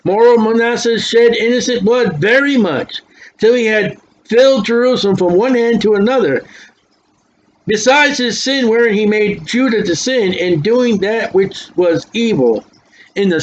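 An older man preaching, reading scripture aloud with emphatic, folksy commentary, his s sounds whistling through dentures. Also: high-pitched. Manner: emphatic, folksy asides between slowly read verses. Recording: dull lo-fi recording with faint noise.

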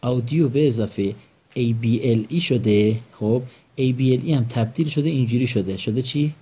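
Man, English teacher, husky, mellow voice, call-and-response drills. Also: mid-range voice. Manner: quizzing, repeats words and asks students to answer back.

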